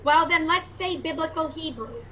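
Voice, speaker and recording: A pastor who is a prospective student joins a casual orientation video call, speaking earnestly at normal speed in a high, bright voice. She thinks aloud, weighing her words with fillers. The audio is dull and lo-fi, with a faint hiss underneath.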